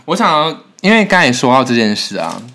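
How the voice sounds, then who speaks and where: Animated young man telling a story. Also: medium pitch, a little fast. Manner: animated storytelling, laughs often. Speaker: podcast co-host, singer-songwriter. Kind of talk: casual chat.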